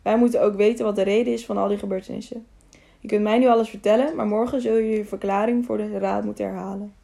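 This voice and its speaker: A woman's voice: mid-range voice, fairly even intonation, quick pace, creaky, mellow, close to an everyday voice. A woman reading the part of a stern, honest older male councillor who speaks firmly and with authority. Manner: firm, commanding.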